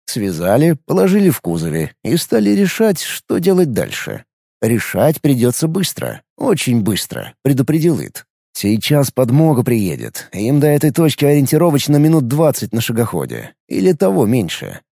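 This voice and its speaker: A man narrating an audiobook in an expressive storytelling manner. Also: medium pitch, normal speed, vocal fry, dry recording, studio quality. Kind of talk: scripted narration.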